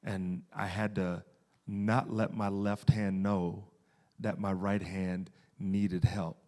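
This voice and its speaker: A man preaching a sermon in a conversational way, slowing down for emphasis and often restarting his sentences. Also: sits low, level tone, darkish tone.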